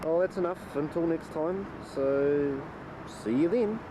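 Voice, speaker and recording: Swearing kiwi bloke over loud ferry noise. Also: male voice, fairly high pitch, unhurried. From New Zealand. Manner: chatty, swears freely, rambling. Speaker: traveller filming himself. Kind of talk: casual travel vlog. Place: outdoors on a harbour ferry. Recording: loud boat engine and wind noise.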